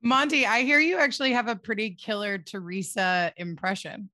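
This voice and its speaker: A woman co-hosting a podcast in casual chat, making quick, teasing asides. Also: mid-range voice, sharp tone. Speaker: podcast co-host.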